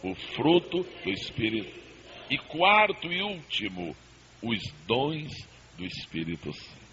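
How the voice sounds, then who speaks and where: A man's voice: mid-range voice, sing-song, measured pace, sharp tone. A male pastor teaching a Bible seminar, emphatic and calling for amens, heard from a worn old tape copy. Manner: emphatic, calls for amens and repeated answers. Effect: worn old tape copy with hiss. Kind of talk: preaching Bible study to a congregation. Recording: muffled hissy old cassette tape.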